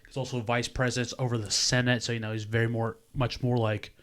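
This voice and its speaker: A man's voice: medium pitch, level tone, a little fast, a bit bright. Joking, rambling man in casual film chat. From United States. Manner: joking, rambling, lots of fillers. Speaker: podcast co-host. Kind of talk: casual movie commentary chat. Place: indoor room.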